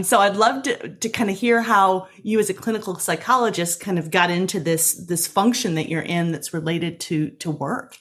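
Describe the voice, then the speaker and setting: A woman's voice: mid-range voice, slightly rough. A woman hosting a podcast, who welcomes her guest in an enthusiastic, chatty way. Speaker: podcast host. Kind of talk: casual interview talk.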